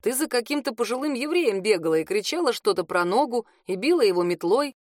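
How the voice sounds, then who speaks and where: A woman reading aloud, voicing a calm, matter-of-fact young man who is a policeman. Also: on the high side, a little fast, no room sound, clean studio sound, close to an everyday voice.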